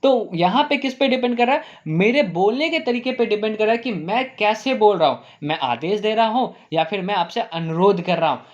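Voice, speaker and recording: A male English teacher explaining grammar, asking the class rhetorical questions and repeating "ठीक है?" while saying example sentences slowly. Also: high voice, expressive, highs cut off.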